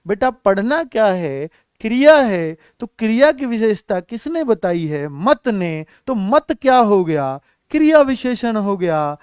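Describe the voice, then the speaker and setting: A man teaching a grammar lesson to students, patiently asking questions and answering them himself, slowing down to read out example sentences. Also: sits high, darkish tone, clear, resonant tone, no echo, studio quality.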